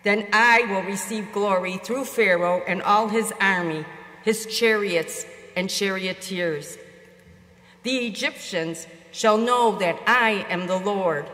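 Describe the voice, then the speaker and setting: A woman in her sixties reading scripture as a church lector, deliberate and declamatory, with cathedral echo. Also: mid-range voice, a bit bright. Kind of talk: scripture reading and responsorial psalm. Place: inside a church, at the lectern. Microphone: lectern gooseneck microphone.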